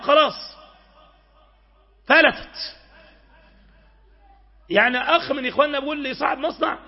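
A man with an Egyptian accent preaching a sermon with urgent passion and sudden raised outbursts, on a dull lo-fi recording. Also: very high voice. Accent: Egyptian Arabic.

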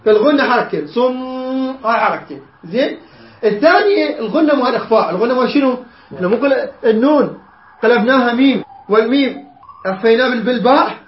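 A man teaching a Quran recitation lesson, chanting verses slowly and quizzing his students. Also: extremely high pitch, lively intonation. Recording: roomy, dull lo-fi recording.

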